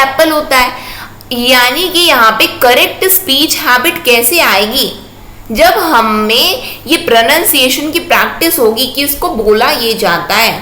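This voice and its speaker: A woman's voice: a little high, sharp tone. A woman teacher giving an exam-prep lecture, repeating her points and asking rhetorical check questions. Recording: echoey room with faint noise.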